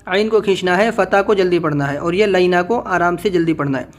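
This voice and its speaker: A man teaching Quran reading, spelling out syllables slowly and patiently, then explaining the rules. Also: high-pitched. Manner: slow, drawn-out syllable-by-syllable spelling. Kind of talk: spelling-out recitation lesson.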